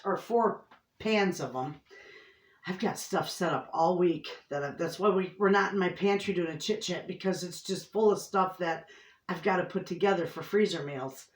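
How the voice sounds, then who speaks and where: With a fairly low voice, this folksy, effusive homestead vlogger, a middle-aged woman from Michigan, talks casually to camera and tends to repeat herself. She has an Inland Northern American accent, and the mic sits far off in a room with noticeable echo.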